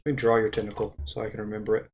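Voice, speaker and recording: A man's voice: on the low side, little pitch movement, very fast, darkish tone, a little hiss or hum. A man running a tabletop game as dungeon master, rambling and punning and often correcting himself. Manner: rambling, punny, self-correcting.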